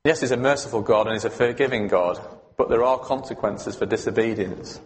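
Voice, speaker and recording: Preacher with a hall echo. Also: male voice, on the low side, a little fast. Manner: conversational, emphatic, asks the congregation questions. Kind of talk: sermon. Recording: long hall reverb.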